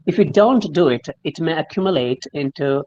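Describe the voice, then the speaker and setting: In a muffled recording, a Malayali man from Kerala, India, speaks with a fairly high, slightly mellow and expressive voice at a moderate pace. Teaching pronunciation in a friendly online session, he demonstrates sounds, explains them, and frequently spells words letter by letter in his Malayali-accented English.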